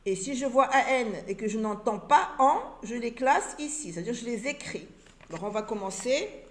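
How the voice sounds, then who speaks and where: A woman teaching a reading lesson to young learners, speaking slowly and repeating each word and syllable with care. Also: fairly high pitch, lively intonation. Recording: roomy echo.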